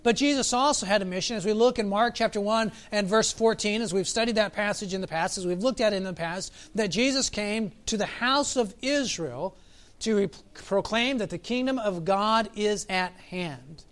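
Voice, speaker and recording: A man preaching a sermon as pastor, reflective, asking his listeners questions and slowing down for emphasis. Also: high-pitched, fairly bright tone. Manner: reflective, asks the congregation questions, varies pace for emphasis.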